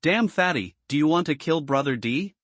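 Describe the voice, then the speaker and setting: A man reading the lines of a gentle young woman who scolds rapidly and protectively, in a comic story recap. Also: fairly high pitch, animated, no echo. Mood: scolding.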